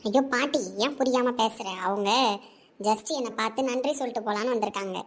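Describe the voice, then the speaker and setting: A woman playing a kind young granddaughter who talks in a brisk, reassuring way. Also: on the high side, close to an everyday voice. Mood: exasperated.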